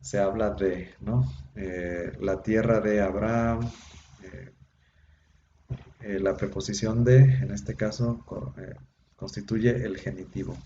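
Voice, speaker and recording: Deep-voiced man teaching in echoey room. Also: fairly even intonation, takes it slowly, dark tone. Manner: patient explaining, many fillers. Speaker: Biblical Hebrew teacher. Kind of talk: online class lecture. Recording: dull lo-fi echoey room with faint hum.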